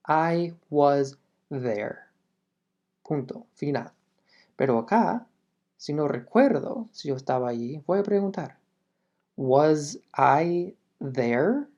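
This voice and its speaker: A woman teaching a language lesson, explaining patiently step by step and modeling example phrases clearly. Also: low voice, warm tone, lo-fi sound.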